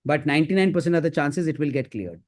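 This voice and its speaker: A man with an Indian accent giving live career advice as a counsellor, in a brisk, instructive and emphatic manner. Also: a little high, animated, darkish tone. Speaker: career counsellor hosting a session. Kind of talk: live advisory session.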